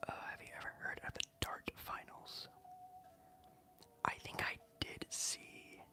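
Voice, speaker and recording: An ASMR streamer whispering softly and chattily while answering live chat questions. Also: measured pace. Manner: soft, unvoiced whisper with chatty fillers.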